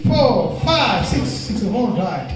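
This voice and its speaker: A man's voice: very high voice, big pitch swings, extremely slow, music in the background. Showy magician man, distant and echoey. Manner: showy, mixes English counting and patter into Bengali. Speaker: stage magician. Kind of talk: live magic show patter to an audience. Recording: distant, echoey room with crowd noise.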